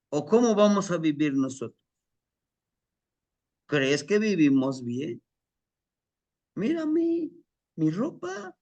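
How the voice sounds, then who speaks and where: A man putting on a greedy young son, his voice jumping high and lively as he protests. He sounds indignant and resentful. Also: breathy edge, lo-fi sound, full character voice. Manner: indignant, complaining, voice rising high.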